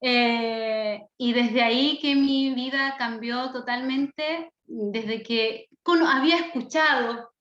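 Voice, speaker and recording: A Chilean woman in her thirties speaks with fervent, earnest enthusiasm as a Bible teacher. Her voice sits high. The sound is dull and rings around a reverberant room. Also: takes it slowly, few pauses, fairly bright tone. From southern Chile. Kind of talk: online class introduction.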